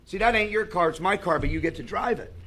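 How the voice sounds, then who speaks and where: A man's voice: high voice, fast, fairly bright tone. A man putting on God as a wry, teasing voice. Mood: patient. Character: God, a blunt, teasing male voice.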